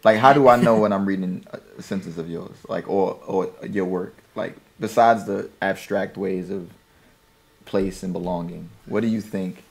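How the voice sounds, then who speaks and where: A man hosts a loose, conversational interview. His voice is deep and gravelly, with a relaxed, blunt manner. He asks his questions casually and swears now and then. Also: moderate pace. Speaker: podcast host.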